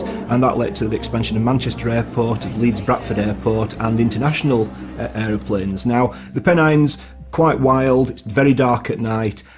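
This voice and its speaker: A man explaining in a documentary interview, measured, with some restarts. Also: mid-range voice, darkish tone. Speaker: interviewed expert.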